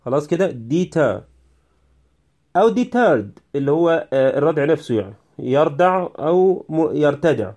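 A man's voice: fairly high pitch, animated, fairly quick, hardly any pauses, darkish tone. A man with an Egyptian Arabic accent giving a recorded English spelling lesson, often checking "right?" with his students and urging them to focus. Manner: repetitive, checks understanding with "right?"; prays for and urges students. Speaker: English teacher.

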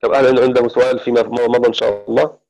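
A man teaching the variant readings of the Quran in a methodical classroom lecture, pausing now and then to correct himself. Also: medium pitch, lo-fi sound. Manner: steady, explanatory, pauses to correct himself.

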